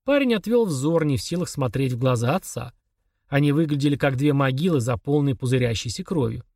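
A man reading a horror novel aloud as narrator, in a slow, dramatic manner with quiet pauses. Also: mid-range voice, animated, no room sound, studio quality. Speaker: audiobook narrator.

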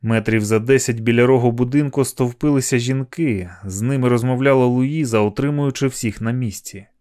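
A man reading a novel aloud as an audiobook narrator, in a steady, measured manner. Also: medium pitch. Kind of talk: scripted narration.

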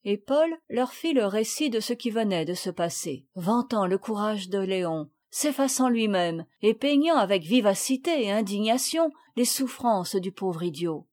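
A woman reading a children's novel aloud as audiobook narrator, telling the story gently and clearly. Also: mid-range voice, lively intonation, normal speed, hardly any pauses. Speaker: audiobook reader.

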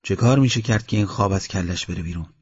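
A man's voice: low-pitched, slightly rough, long reverb tail. A man reading the lines of a practical, fretful village headman in an audiobook, in a questioning, slightly raised voice, on a dull lo-fi recording. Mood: worried questioning.

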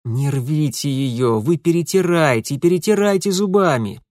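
A man's voice: mid-range voice, expressive, moderate pace, darkish tone, no room sound, close to an everyday voice. Guy doing a sarcastic young guy, dry grumbly lines, close dead-dry audiobook mic. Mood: sardonic. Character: sardonic young man, wry and grumbling.

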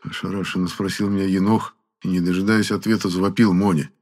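Reading an audiobook in the first person, this narrator has a very low voice and a fairly quick pace. He keeps a wry, steady, even-paced storyteller's delivery.

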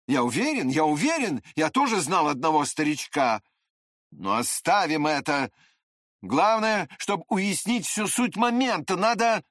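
A reader voicing a feverish, muddled nobleman in an audiobook, speaking in halting, rambling phrases. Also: on the high side, very animated, fairly bright tone, no echo, studio quality.

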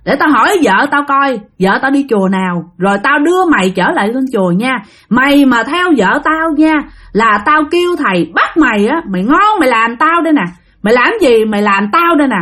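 A woman playing a furious husband, shouting and scolding fast. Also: a little high, expressive, slightly rough. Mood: threatening.

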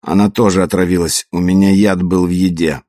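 A man's voice: deep voice, level tone, brisk, dark tone, no echo, clean studio sound, lightly acted. A man voicing a poisoned Colombian agent in an audiobook, speaking tersely and under strain. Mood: tense.

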